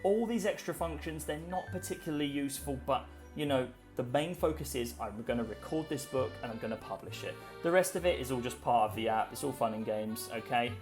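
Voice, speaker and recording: A young man gives a relaxed walkthrough tutorial, chatting with filler phrases as he clicks along. His voice sits at an everyday middle pitch. A faint music bed plays underneath. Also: fairly quick, hardly any pauses. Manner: chatty, with frequent "you know" and "okay?". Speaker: online English teacher giving a tutorial. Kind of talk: casual screen-recorded tutorial.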